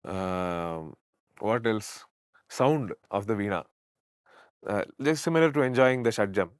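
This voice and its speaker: A deep-voiced veena player and singer chats easygoingly in an interview, reflective and laughing often as he mixes Kannada into his English. He's animated at a measured pace, his tone clear and resonant, with echo-free studio-quality sound.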